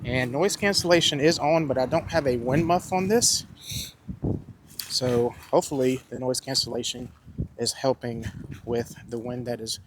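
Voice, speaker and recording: A man chats casually outdoors into a wireless lapel mic, his voice passing through noise reduction processing that thins it and tugs at the wind and traffic around him. He rambles in a friendly way and second-guesses his own words. His voice sits at an ordinary middle pitch. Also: fairly even intonation, normal speed. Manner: chatty and self-correcting, often second-guessing his own terms. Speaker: wedding videographer reviewing a wireless mic. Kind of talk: casual product review vlog. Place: outdoors near a road, with wind.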